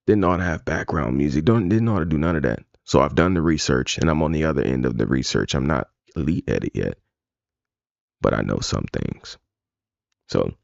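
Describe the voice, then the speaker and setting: A man's voice: rumbling low, gravelly, dry recording. A man streaming live, talking casually, rambling and bluntly profane. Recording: dull lo-fi dry sound.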